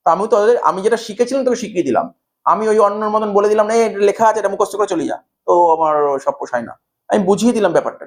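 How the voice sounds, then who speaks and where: Bengali guy tutoring finance, high-pitched and quick, keeps asking "okay?". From India. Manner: coaxing, repeats checks like "okay?" to students. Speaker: commerce tutor. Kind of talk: whiteboard math lecture.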